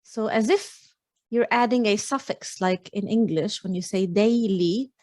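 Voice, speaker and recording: A woman teaching Lebanese Arabic in an online lesson, patiently explaining step by step and pausing with fillers. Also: mid-range voice, a little mellow, no room sound.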